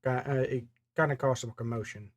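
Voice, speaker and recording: A man's voice: mid-range voice, steady tone, fairly quick, dry recording. A man playing a tabletop game who speaks hesitantly and uses lots of fillers. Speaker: player. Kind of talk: in-character tabletop play.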